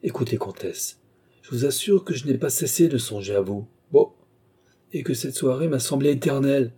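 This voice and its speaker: A man voicing an aging, indulgent king in an audiobook, soft and placating. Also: medium pitch, expressive, normal speed, breathy edge. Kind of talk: audiobook character reading.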